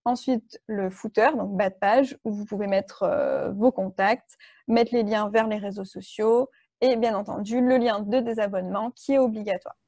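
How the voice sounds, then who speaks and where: A woman's voice: medium pitch, normal speed, warm tone, dry recording. A woman leading an online workshop, explaining step by step with frequent fillers and restarts. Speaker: workshop trainer.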